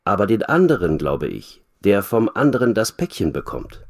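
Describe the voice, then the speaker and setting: A man reading the part of a brisk female office assistant in a storybook for learners. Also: fairly low pitch, sing-song, creaky, full character voice.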